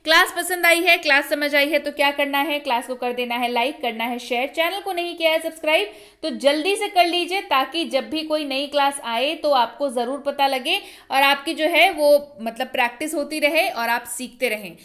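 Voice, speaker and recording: A woman teaching English in Hindi, saying each phrase twice, slowly and clearly, for the learners to practice. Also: high-pitched, bright, forceful tone. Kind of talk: spoken English lesson in Hindi.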